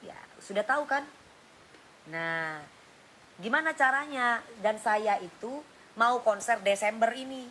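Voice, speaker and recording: A middle-aged woman talking to her phone on a livestream, blunt and scolding, her voice pitched a little high. A faint hiss sits under the phone recording, and she slides into coarse slang as she lectures. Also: unhurried, long pauses, bright, forceful tone, rough recording. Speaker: singer doing an Instagram live. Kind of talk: casual livestream monologue.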